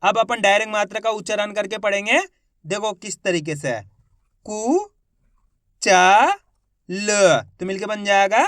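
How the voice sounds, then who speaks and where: A man's voice: high-pitched, fairly bright tone, no echo, studio quality. A man teaching beginners to read Hindi. He sounds out each word syllable by syllable, repeats it, and quizzes the learner in an encouraging way. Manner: encouraging, asks the learner questions. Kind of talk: spoken reading lesson for beginners.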